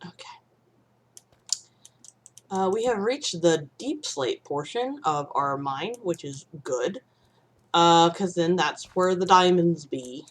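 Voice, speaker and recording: Woman streamer, rambling, swearing, lowish voice, very animated. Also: takes it slowly, long pauses. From US Midwest. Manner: rambling, swears freely, sudden panicked outbursts. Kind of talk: casual gaming stream chat.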